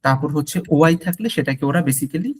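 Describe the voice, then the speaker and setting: A man's voice: on the high side, animated, a little fast, a little hiss or hum. A man teaching French pronunciation in an online lesson, patiently repeating sounds for his student. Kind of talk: online lesson mixing Bengali and English.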